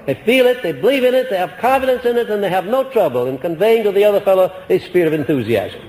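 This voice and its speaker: A man giving a motivational lecture to a live audience, folksy and emphatic, deliberately swinging his voice up and down. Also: high-pitched, lively intonation, darkish tone, in a large hall, poor audio. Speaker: motivational speaker.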